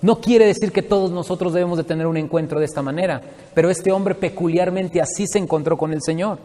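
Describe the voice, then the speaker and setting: A man's voice: high voice, fast talker, dark tone, long reverb tail. A man from Mexico, teaching a Bible study to his congregation in a conversational way and often asking them questions.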